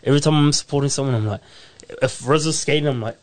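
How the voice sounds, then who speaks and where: A man's voice: on the high side, fast. A man with a New Zealand accent co-hosting a community radio show, playful and rambling as he jokes along. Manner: playful, joking, rambling storyteller. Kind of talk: casual radio chat. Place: community centre studio.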